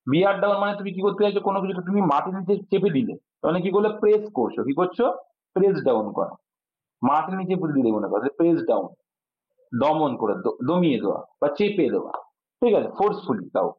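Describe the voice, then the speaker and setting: Heard through tinny phone-like audio, a man with a high-ish, sing-song, slightly rough voice moves quickly through English grammar exam prep. He breaks things down step by step and answers the questions he puts to his students.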